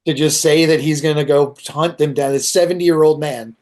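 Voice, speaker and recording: A man's voice: on the high side, steady tone, moderate pace, darkish tone. A man hosting a casual podcast chat, sarcastic and profane, slipping into mocking impressions.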